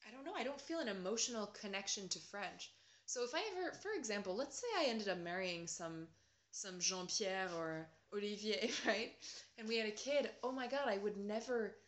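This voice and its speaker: A woman's voice: medium pitch, normal speed, fairly bright tone. A young American woman in casual chat, rambling and self-deprecating, often breaking into laughter.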